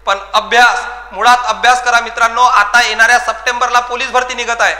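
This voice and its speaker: High-pitched, sharp-voiced teacher in an echoey room. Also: male voice, little pitch movement, brisk. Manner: earnest, repetitive, addresses students as friends. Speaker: coaching class teacher. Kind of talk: motivational talk to exam students. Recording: echoey room with long reverb.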